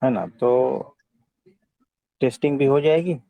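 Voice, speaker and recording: A man with an Indian accent giving a conversational spiritual discourse, teaching in a calm, gentle way and often checking for agreement. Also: medium pitch, takes it slowly, gravelly, no room sound, narrow, tinny audio. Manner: didactic, often seeks agreement with short tag questions. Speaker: spiritual teacher answering devotees' questions.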